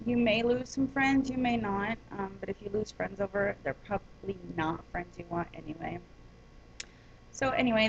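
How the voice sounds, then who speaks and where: A woman's voice: on the high side, lo-fi sound, a little hiss or hum. A woman vlogger telling a personal story in a casual, rambling way, with many ums and restarts.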